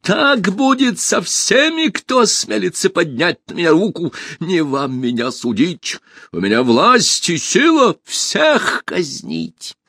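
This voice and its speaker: A man voicing a cowardly, vicious male usurper in an audiobook, shouting in a shrill, strained voice. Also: huge pitch swings, slow pace, husky, no echo, studio quality, exaggerated voice. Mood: frantic rage. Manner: shrill, screaming. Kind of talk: audiobook character voice.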